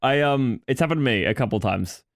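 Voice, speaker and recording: A man's voice: mid-range voice, lively intonation, fairly quick, no echo, studio quality. A young man co-hosting a podcast, blunt and teasing, swearing freely in casual chat. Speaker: podcast co-host.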